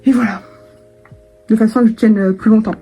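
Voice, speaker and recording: A woman's voice: on the high side, steady tone, quick pace, mellow, slightly rough, soft background music. A young woman chatting casually to camera in a vlog, full of fillers and restarts. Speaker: vlogger.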